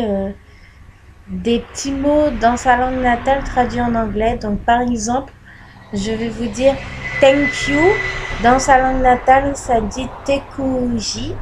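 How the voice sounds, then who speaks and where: A woman's voice: on the high side, background noise. A woman presenting her postcard collection in a casual video, talking hesitantly with many fillers, recorded on a laptop microphone at home. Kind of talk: casual show-and-tell. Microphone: laptop built-in microphone.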